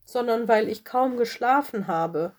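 Woman playing a tired, caring young cat who sighs, with a mellow tone, storybook. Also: on the high side, lively intonation, unhurried. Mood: weary. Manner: sighing.

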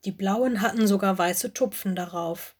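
A woman narrating a children's storybook in a calm, clear way. Her voice sits at an ordinary middle pitch for a woman. She reads smoothly and evenly, as in a read-aloud recording. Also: moderate pace.

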